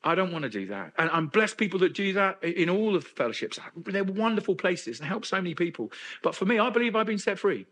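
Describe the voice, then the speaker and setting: A man's voice: high-pitched, big pitch swings, quick pace, fairly bright tone. A middle-aged man from England giving a candid personal testimony at a men's conference, with self-deprecating humor. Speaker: conference speaker.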